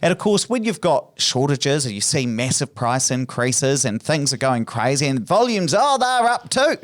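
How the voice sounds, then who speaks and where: A man's voice: medium pitch, expressive, normal speed. A man hosting a casual podcast, chatty and explanatory, with a joking, self-deprecating streak. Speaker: podcast host.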